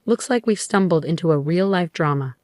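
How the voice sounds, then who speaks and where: A woman reads an eager young man livestreaming the drama around him, gossipy and thrilled. The voice is low and close. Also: lively intonation, fairly quick, a little mellow, no echo, lightly acted. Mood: excited. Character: excited male YouTuber streaming a scene.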